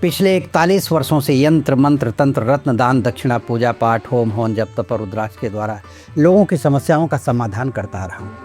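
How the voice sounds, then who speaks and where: A man's voice: mid-range voice, lively intonation, fairly quick, music in the background. An older man, an astrologer, explaining in a lecturing way and listing his points one by one. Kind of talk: explanatory astrology talk to camera.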